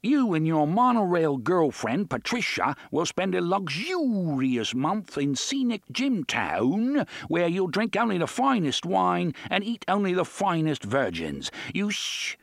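A man voicing a young man who swings from a brash showman's bellow to a hushed, shaky voice. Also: high voice, big pitch swings, a little slow, vocal fry, hardly any pauses, dry recording, studio quality, pitched above the performer's own voice, heavily acted. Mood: mocking. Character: young man, mocking then nervous.

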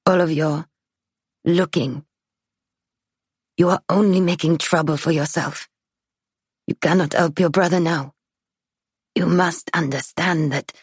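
A stern, proud old French woman, as a female reader puts her on, her rasping voice sitting low and dropping to a hush. She gives her warnings in short, grave phrases, at an unhurried pace, close and dry as an audiobook. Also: steady tone, no room sound.

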